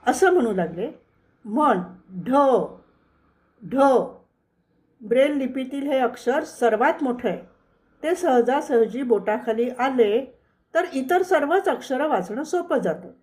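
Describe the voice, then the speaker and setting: In a scripted audiobook reading, a woman narrates her first-person memoir with measured storytelling, giving quoted lines only a light touch. She sounds animated, slightly mellow, and her voice sits high.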